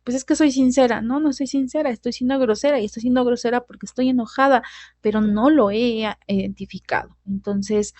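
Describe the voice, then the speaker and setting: A woman's voice: fairly high pitch, steady tone, fairly quick, a little mellow, no room sound. A woman giving a conversational recorded class lecture, often adding tag questions and restarting sentences. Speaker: teacher.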